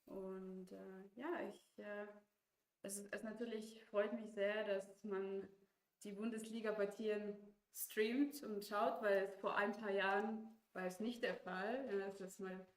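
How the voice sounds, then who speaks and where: A Ukrainian woman joins a chess stream as guest co-commentator for casual chat, speaking hesitantly with many fillers and restarts and laughing often. Her mid-range voice has fairly even intonation and she takes it slowly, in an echoey room.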